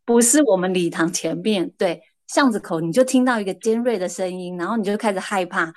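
Lady chatting as a guest, animated storyteller, pace jumps around. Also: mid-range voice, a little fast. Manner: lively anecdotal, shifting pace. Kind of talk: casual storytelling.

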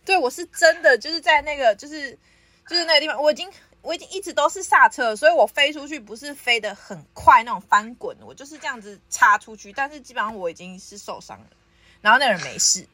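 A young woman, hosting a podcast and telling a personal story in casual chat, lively and often laughing. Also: sits high, quick pace. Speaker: podcast host.

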